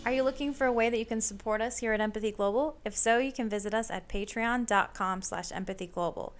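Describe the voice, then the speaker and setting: A woman hosting a podcast, speaking in a steady, even manner as she introduces the show and her guests. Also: a little high, quick pace, soft background music. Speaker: podcast host.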